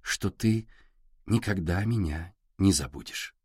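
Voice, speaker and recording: A gentle, composed young woman speaks in a soft, hushed way, as a male audiobook narrator puts her on. The voice sits low and is recorded dry and close. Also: slow pace, breathy edge, no echo, heavily acted. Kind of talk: audiobook character reading.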